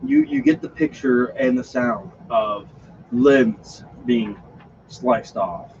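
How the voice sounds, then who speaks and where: A man's voice: mid-range voice, slow. A man running a tabletop game as game master, narrating scenes with dramatic pacing. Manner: lively, dramatic narration with laughter. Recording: dull lo-fi recording with background noise.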